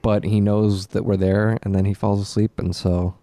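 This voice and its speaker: Casting: young male podcast co-host, low mellow voice, conversational, stop-and-start delivery. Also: level tone, no echo. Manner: halting, hedging, often repeats words. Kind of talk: casual chat.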